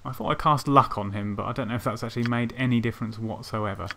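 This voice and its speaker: A man's voice: medium pitch, fast talker, creaky, bright, forceful tone. A man giving casual let's play commentary, thinking aloud hesitantly as he plans his moves. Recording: game music behind voice.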